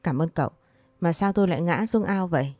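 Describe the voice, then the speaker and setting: A woman voicing a proud, sharp-tongued young wife who talks back tartly. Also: fairly low pitch, fast talker, no echo, faint music behind, lightly acted. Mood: pleading. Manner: tart and defiant.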